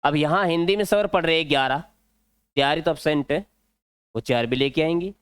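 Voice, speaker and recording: A man with a Rajasthani Hindi accent teaching an exam-prep grammar lesson, explaining slowly and repeating key words. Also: a little high, fairly bright tone, smooth, no echo, clean studio sound.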